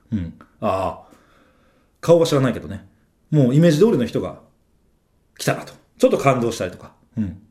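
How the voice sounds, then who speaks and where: A man tells his own story in a relaxed, conversational monologue. His voice is dark and mellow, and his pitch swings widely as he goes. He keeps punctuating his thoughts with small affirming fillers. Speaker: trader recounting his experience.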